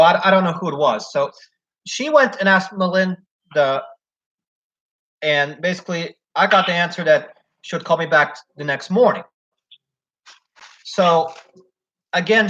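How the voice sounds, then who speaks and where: A man's voice: fairly high pitch, normal speed, long pauses, pushed and bright. A young man in casual chat, retelling a job situation at length with lots of "like" and "so". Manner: rambling retelling full of "like" and "so". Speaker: job applicant telling a story. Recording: dull lo-fi recording.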